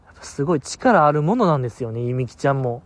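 A man's voice: medium pitch, animated, quick pace. A man hosting a podcast alone, chatting casually in a rambling, self-mocking and sleepy way. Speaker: podcast host. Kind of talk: casual solo podcast chat.

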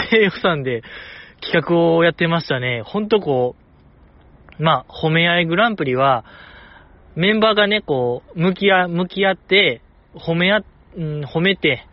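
A man's voice: on the high side, no echo. Chuckling man hosting solo. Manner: rambling, chuckling, mock-formal asides. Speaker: podcast host. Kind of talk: casual solo talk show. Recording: slightly dull, dry recording.

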